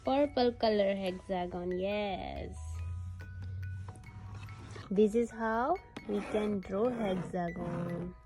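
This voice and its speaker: A woman's voice: medium pitch, very slow, pauses often, over music. A woman talking to a toddler in simple, encouraging words as if reading to one, teaching shapes and colors as a mother at play.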